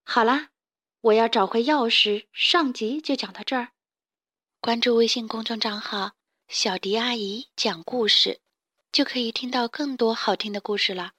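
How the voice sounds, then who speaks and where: Lady reading a kids' bedtime story, gentle, kinda high voice. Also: moderate pace, dry recording, clean studio sound. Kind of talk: children's story narration.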